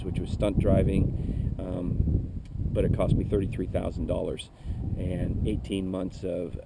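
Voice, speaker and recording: This low, warm voice with vocal fry belongs to a middle-aged man on a motorcycle journey, recording an outdoor roadside monologue into his camera mic beside a country road. He sounds drained and talks frankly and tiredly, circling back again and again to fix what he just said, with a bit of background noise behind him.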